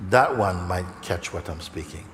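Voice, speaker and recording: A man's voice: deep voice, animated, normal speed, a bit bright. A man giving a conversational spiritual talk to a live audience. He often checks in with "okay?" and now and then acts out other people's voices. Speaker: spiritual teacher. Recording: long hall reverb, faint background noise.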